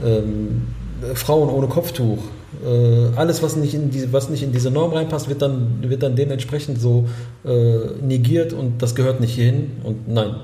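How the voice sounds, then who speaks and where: A man's voice: mid-range voice, unhurried, mellow, reverberant. A man co-hosting a casual talk show, hesitant and searching for words with many restarts. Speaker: podcast co-host. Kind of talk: casual discussion.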